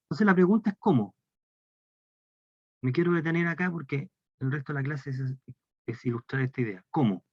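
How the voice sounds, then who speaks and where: A man's voice: a little high, moderate pace, long pauses, no room sound. A man lecturing on calculus with a Chilean Spanish accent, explaining step by step and posing questions to the class. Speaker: math lecturer. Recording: dry, dull lo-fi lecture recording.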